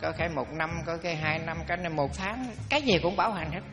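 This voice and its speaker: This older monk speaks fast in a fairly high voice, delivering a dharma talk as homespun, funny storytelling. Long hall reverb surrounds his words, and music is faintly audible underneath.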